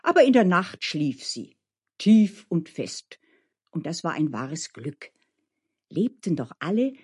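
Storyteller reading a fairy tale, slow and expressive, mid pitch. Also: slightly rough. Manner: slow, lively storytelling with rising and falling emphasis.

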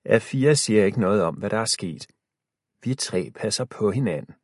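Husky, expressive male storyteller. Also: lowish voice, dry recording, studio quality. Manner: expressive, shifting pace with the tension. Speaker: audiobook narrator. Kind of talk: scripted storybook narration.

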